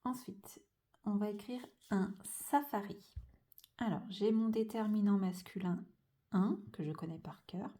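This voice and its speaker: A woman teacher giving a slow dictation lesson to young children, stretching out each sound and syllable with care. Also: medium pitch, warm tone.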